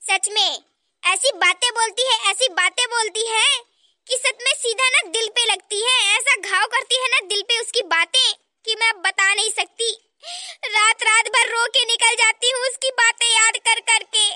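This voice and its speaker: A woman's voice: very high voice, steady tone, normal speed, sharp tone, heavily acted. A woman voicing an older village mother-in-law in a cartoon, complaining melodramatically about her daughter-in-law. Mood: aggrieved. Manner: self-pitying, complaining, melodramatic. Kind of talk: cartoon voice acting.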